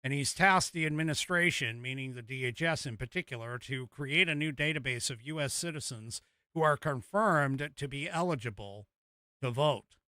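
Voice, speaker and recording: An American man hosting a casual political commentary show, talking haltingly as he thinks aloud and reads out news. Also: mid-range voice, bright, forceful tone, no echo.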